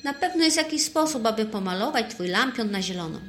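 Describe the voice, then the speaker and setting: A woman voicing an eager little male elf truant in a storybook, excitable and thinking aloud. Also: fairly high pitch, fairly quick, slight background noise. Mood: determined. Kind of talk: storybook character voice.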